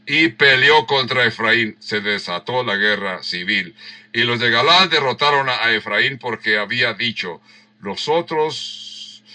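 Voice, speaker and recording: Slow, bright-voiced pastor. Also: male voice, lowish voice. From Mexico. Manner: unhurried, rereads verses and acts out the quoted lines; explains word sounds with emphatic repeats. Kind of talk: sermon teaching verse by verse.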